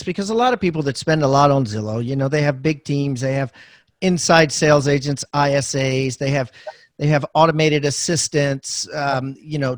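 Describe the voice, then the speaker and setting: A man hosts a podcast, interviewing a guest with informal, conversational questions in a casual chat. His voice is fairly high, and the sound is clean studio audio with no echo.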